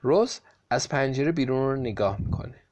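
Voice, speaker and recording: A man narrating a folk tale in a calm, steady storytelling voice. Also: mid-range voice, dull audio.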